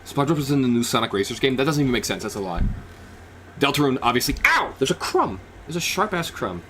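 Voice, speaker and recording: Excitable young man streaming reactions. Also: mid-range voice, fast talker, slight background noise. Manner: excitable, shouts reactions, rambling commentary.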